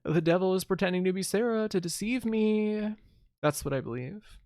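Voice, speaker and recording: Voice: mid-range voice, normal speed, darkish tone, no room sound, studio quality, voice pushed up, natural voice. A player voicing a defiant, devoted lover while reading video game dialogue aloud. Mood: defiant, stubborn. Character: defiant devoted lover refusing a devil's deception.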